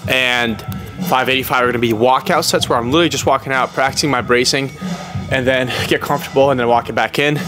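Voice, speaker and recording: A man's voice: mid-range voice, fairly even intonation, fast. Casual male lifter talking mid-workout, music behind. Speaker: powerlifter vlogging meet prep. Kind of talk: casual training vlog talk to camera.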